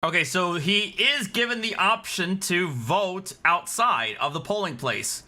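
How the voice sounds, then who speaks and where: A man's voice: sits high, animated, a little slow, sharp tone. A man giving casual, mocking reaction commentary as a host. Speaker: host reacting to video clips.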